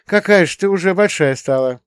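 A man reading an audiobook and voicing a gentle, worried young mother. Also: sits high, fairly quick, smooth, no room sound, clean studio sound, voice pushed up, natural voice.

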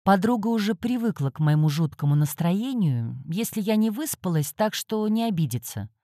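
A woman's voice: mid-range voice, animated, normal speed, dark tone, no echo, clean studio sound. A woman reading a first-person fantasy audiobook in a wry, tired manner. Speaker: audiobook narrator.

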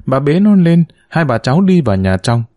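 A man narrating a novel in a steady, measured audiobook reading. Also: on the high side, dry recording, clean studio sound.

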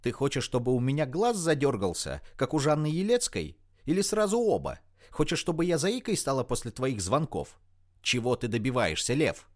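A man voicing a quick-tempered, sarcastic young woman in an audiobook. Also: on the low side, big pitch swings. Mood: angry. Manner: raised, sarcastic, snappy delivery. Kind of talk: audiobook character voice.

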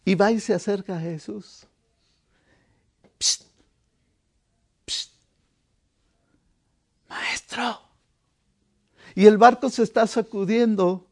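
A man preaching a sermon, telling a story dramatically and swinging from hushed lines to shouted ones. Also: high-pitched, moderate pace, gravelly, few pauses. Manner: dramatic, acting out the disciples' voices.

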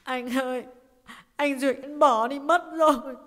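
A man's voice: very high-pitched, steady tone, measured pace, pushed and bright, big-room sound, pitched above the performer's own voice, heavily acted. A man voicing a distraught young sister who cries and wails as she pleads. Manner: wailing, pleading. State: crying.

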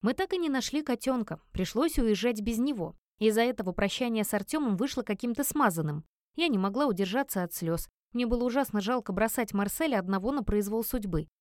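A woman reading a first-person romance novel aloud as an audiobook narrator, with expressive, emotive storytelling. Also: on the high side, fairly quick, no room sound, studio quality.

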